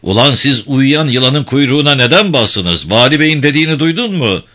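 This is a volatile male prison director, put on by a reader in a spoken story. He blusters and threatens in a bright, lively voice that swings up and down. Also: medium pitch, moderate pace. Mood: furious.

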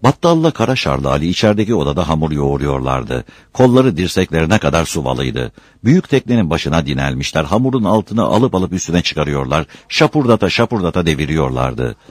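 Low-voiced man reading a story. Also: very animated, brisk, no echo, studio quality. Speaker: narrator.

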